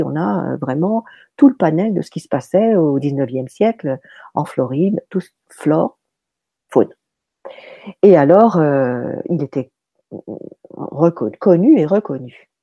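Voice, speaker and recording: Woman, storytelling medium, lively pitch, husky, dry close sound. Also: no echo, highs cut off. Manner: animated, many fillers and restarts. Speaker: medium teaching soul passage. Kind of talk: casual storytelling chat.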